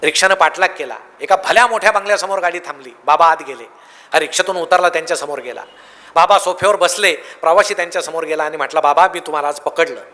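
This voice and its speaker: Bright-voiced man telling life stories. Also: on the high side, fast talker. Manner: tells anecdotes, acts out dialogue. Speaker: motivational speaker. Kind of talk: motivational storytelling talk. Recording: long hall reverb.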